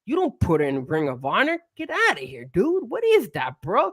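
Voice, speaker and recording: A man's voice: sits high, huge pitch swings, moderate pace, a bit bright, dry recording, studio quality. A man co-hosting a casual wrestling talk show, ranting heatedly with cursing and rhetorical questions. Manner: rhetorical questions, laughs often. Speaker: co-host.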